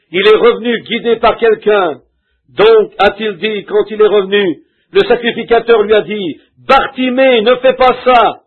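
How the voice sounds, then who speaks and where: A man with a high voice delivers a sermon in a fervent, pleading way, drawing out his exclamations. The sound is thin and narrow, as if heard through a phone line. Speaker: preacher. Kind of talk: French dubbed reading of a sermon. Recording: tinny, narrow lo-fi tape sound.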